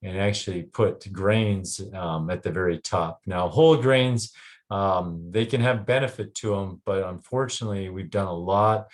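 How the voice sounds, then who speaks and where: Halting Canadian man, lowish voice. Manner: halting, frequent ums and restarts. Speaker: health clinic doctor. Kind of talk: casual presentation to a group.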